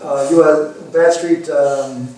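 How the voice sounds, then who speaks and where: A man interviewing someone in a casual, halting, hesitant way. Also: fairly high pitch, steady tone, darkish tone. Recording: echoey room, distant mic, faint noise.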